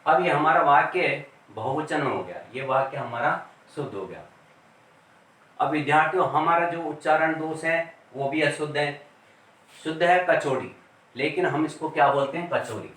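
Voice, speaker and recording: A male teacher gives a classroom grammar lesson, speaking slowly and deliberately and repeating words as he writes on the board. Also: fairly high pitch, fairly bright tone, reverberant, far from the mic, low-quality recording.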